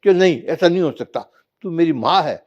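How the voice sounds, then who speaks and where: A man's voice: a little high, big pitch swings, moderate pace, vocal fry, darkish tone, full character voice. A man plays an impulsive poor young man in a spoken parable. He calls out urgently and emphatically, his voice rising. The sound is slightly lo-fi.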